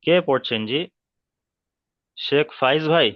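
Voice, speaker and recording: A man's voice: medium pitch, slow, no room sound. A male teacher giving an online reading lesson, patiently repeating rules and drilling letter sounds one by one. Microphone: video call. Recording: dull lo-fi online call audio.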